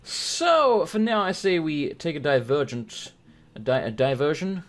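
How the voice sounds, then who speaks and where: A British man hosts a let's play video, joking, swearing and spinning rambling anecdotes as he plays. His voice is fairly high and unhurried, and his storytelling is animated and profane.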